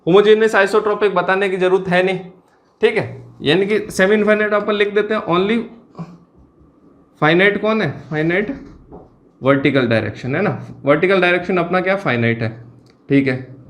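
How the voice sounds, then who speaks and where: A man teaching an engineering exam class, asking questions and answering them himself, repeating key terms slowly. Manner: drops to low, quiet asides on filler words. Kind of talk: classroom lecture.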